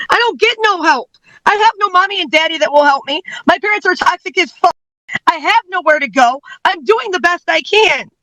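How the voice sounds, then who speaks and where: Very high distressed pleading woman. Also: pushed and bright, no echo, low-quality recording. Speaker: defendant. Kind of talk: pleading in court.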